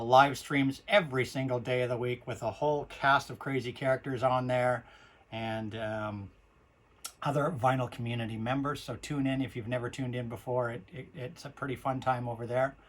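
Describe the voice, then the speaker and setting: A Canadian man speaking with a missing front tooth, hosting a vlog in a casual, rambling, repetitive way. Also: mid-range voice. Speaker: host of a record collecting vlog. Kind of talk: casual chat to viewers.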